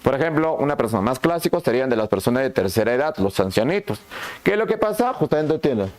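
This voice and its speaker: A male anatomy teacher giving a lively classroom lecture, asking questions and answering them himself, sometimes voicing the students. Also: mid-range voice, fast. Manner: asks and answers his own questions, plays the students' lines too.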